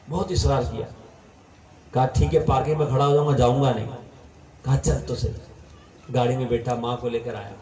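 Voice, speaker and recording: A man preaching a sermon as a story, his voice rising to impassioned peaks and sinking low to act out what people say. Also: dark tone. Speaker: religious preacher. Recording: echoey hall, voice from a distance.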